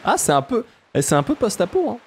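A man with a southern French accent, chatting casually and jokily while playing a game, often jumping up in pitch for emphasis. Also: huge pitch swings, a little fast, a little hiss or hum. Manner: chatty, jokey, jumps to high pitch for emphasis. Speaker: let's play streamer. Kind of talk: casual gameplay commentary.

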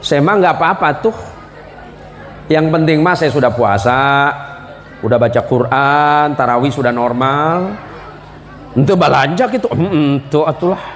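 A man voicing a soft-spoken, meek middle-aged wife, gentle and self-effacing, inside his sermon. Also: on the high side, measured pace, long pauses. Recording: long hall reverb with crowd.

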